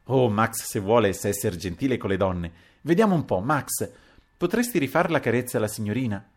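A man reading aloud and voicing an excitable older man who leads a séance with eager, exclamatory speech. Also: lowish voice, fairly quick. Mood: coaxing.

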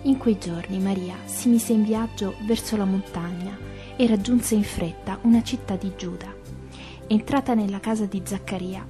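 A woman leading a recited rosary prayer in a soft, even, devotional way. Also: mid-range voice. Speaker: prayer leader.

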